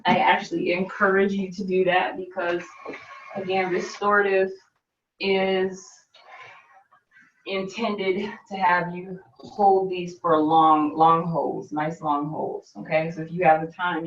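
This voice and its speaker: A woman guiding a gentle restorative yoga class in a calm, unhurried way, talking as she demonstrates. Her voice sits a little low and comes from a distance in an echoey room. The sound is slightly dull. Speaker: yoga instructor.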